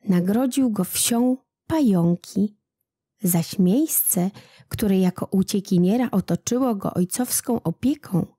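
A woman narrating a storybook legend in a calm, unhurried reading voice. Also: medium pitch, slightly rough, dry recording, clean studio sound. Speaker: audiobook narrator.

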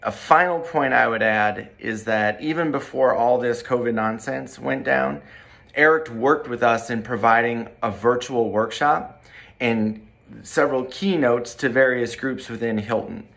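A man in his forties, a corporate training director, reading a measured, polished testimonial to camera in a bright room by large windows. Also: mid-range voice, creaky.

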